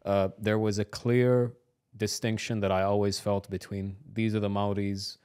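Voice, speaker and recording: A man of about thirty, born in Iraq and raised in New Zealand, who isn't an English speaker, talks casually and hesitantly about his life as an interview guest. His voice is on the low side, level, smooth and a little mellow, at a moderate pace.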